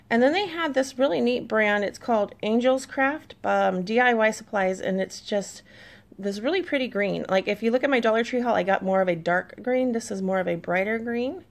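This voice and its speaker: Chatty mom with a gravelly edge. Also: female voice, a little high. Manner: chatty, reads labels aloud, easygoing. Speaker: vlogger mom showing a shopping haul. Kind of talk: casual chat to camera.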